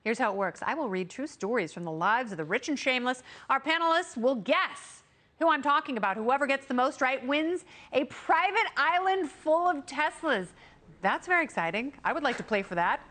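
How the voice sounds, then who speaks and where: A woman's voice: high voice, very animated, fairly bright tone. A middle-aged woman hosting a playful quiz game on a talk show, bubbly and teasing. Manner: bubbly, teasing, quick jokes and laughs.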